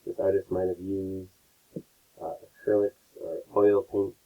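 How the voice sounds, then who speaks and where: A man teaching a painting lesson step by step, his audio a low-quality, tinny stream as he keeps checking in with his students. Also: a little slow. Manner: relaxed, explains step by step, keeps checking in with "right?". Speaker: art teacher. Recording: tinny lo-fi phone-like sound.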